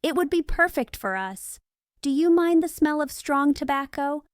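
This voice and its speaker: A woman reading the lines of an eccentric young male detective in a calm, precise, matter-of-fact way. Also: high voice, moderate pace, no room sound, studio quality, voice pushed up.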